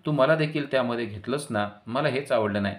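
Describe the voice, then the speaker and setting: A man's voice: mid-range voice, quick pace, voice pushed up, close to an everyday voice. A man voicing a grown woman, an affectionate elder sister who scolds and teases her younger brother. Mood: sulking. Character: adult woman, loving elder sister, teasing.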